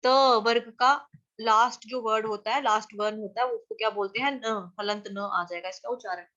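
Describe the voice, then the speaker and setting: A woman teaching how to chant Sanskrit verses, chanting each line slowly and then explaining the sounds syllable by syllable in a chatty, patient way. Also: mid-range voice, fairly even intonation, bright, forceful tone, muffled recording. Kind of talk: online class teaching verse pronunciation.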